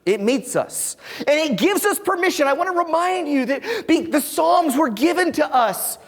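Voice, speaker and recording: A preacher giving a sermon in a church, animated and full of rhetorical questions put to the congregation. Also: high-pitched, moderate pace, in a large hall. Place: church sanctuary.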